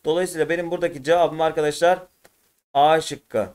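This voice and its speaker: A man's voice: a little high, fairly even intonation, darkish tone, smooth. Turkish man teaching syllable by syllable. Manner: slow, drawn-out syllable by syllable explanation; addresses students as friends. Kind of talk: exam walkthrough lesson.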